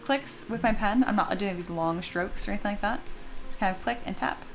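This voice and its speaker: This woman teaches 3D sculpting and hosts a livestream tutorial, speaking at medium pitch and a little fast over soft background music. Her voice is slightly scratchy and sleepy, not yet warmed up, as she chats informally and thinks aloud, talking both to herself and to her viewers.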